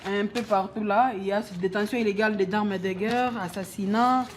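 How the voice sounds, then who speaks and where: A woman judge speaking in an interview, halting and repeating words as she explains. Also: mid-range voice, steady tone, a little hiss or hum.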